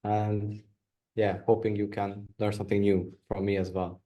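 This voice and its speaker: A young man from Romania whose first language is Hungarian answers interview questions over a video call as a guest who works as a video editor. His voice is lowish and warm with little pitch movement, and at normal speed he comes across a bit hesitant, repeating words.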